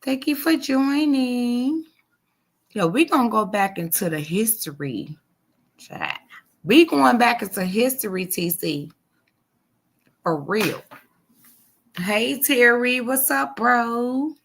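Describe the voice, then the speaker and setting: A woman in her forties chatting live with her viewers, leaning on her words and repeating herself for emphasis. She takes her time, unhurried, with a rough, gravelly fry running under her voice. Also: on the high side, expressive, a bit bright. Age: 40s. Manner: emphatic and repetitive, addressing viewers directly. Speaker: livestream host. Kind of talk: casual live chat to supporters.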